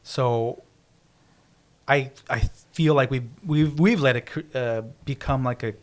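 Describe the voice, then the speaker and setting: Podcast co-host, man, mid-pitched voice, loose rambling and teasing. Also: unhurried. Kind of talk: casual chat.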